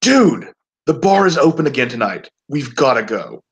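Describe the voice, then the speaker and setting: A man's voice: mid-range voice, big pitch swings, normal speed. A man voicing a laid-back young man in a tabletop game, a loyal friend who talks casually and says dude a lot. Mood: easygoing. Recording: dull lo-fi audio.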